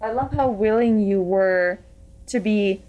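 A woman hosts a relaxed conversation and pokes fun at her guest. She giggles as she goes. Her voice sits at a middle pitch. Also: a little slow. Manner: teasing, giggly questioning. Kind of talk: casual interview chat.

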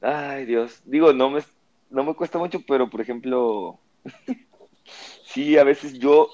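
A man in his thirties from Veracruz with a Veracruz Mexican accent, chatting casually in a loud, slangy way and laughing often. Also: mid-range voice, slow, lo-fi sound. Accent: Veracruz Mexican Spanish. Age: 30s. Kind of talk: casual chat.

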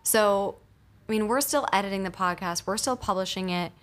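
Guesting on a laid-back interview in a recording studio, a woman entrepreneur talks fast and freely, leaning heavily on "like." Her pitch rises and falls energetically, and she's captured on a studio microphone.

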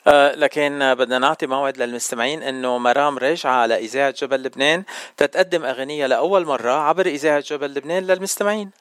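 A man's voice: medium pitch, rapid-fire, a bit bright, clear, resonant tone, dry recording. A man with a Lebanese Arabic accent hosting a radio interview. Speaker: radio host.

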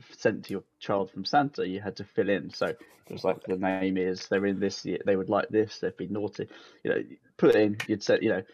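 A man's voice: lowish voice, darkish tone. A man and parent chatting loosely in a podcast, rambling and correcting himself as he laughs through his stories. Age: adult, a parent. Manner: rambling, self-correcting, laughs mid-sentence. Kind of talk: casual banter. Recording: dull, muffled lo-fi sound.

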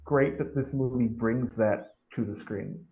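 A man's voice: mid-range voice, a little slow. A man hosting a podcast, chatting eagerly about a book and reading passages from it aloud. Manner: enthusiastic, restarts often. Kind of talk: casual chat and reading aloud. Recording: dull lo-fi audio.

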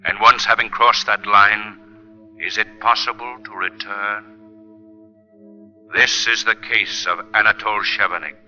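An actor playing a sinister, mocking invisible avenger on a 1940s radio drama, with a deep, slow, menacing voice. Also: male voice, fairly even intonation, pushed and bright. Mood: ominous. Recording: dull old radio broadcast with music.

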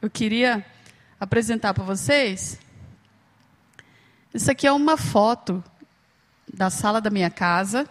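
A woman's voice: medium pitch, unhurried, pauses often. A woman from Brazil giving a humorous, storytelling sermon, playfully acting out the voices of the people she quotes. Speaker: speaker at a church gathering. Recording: long hall reverb.

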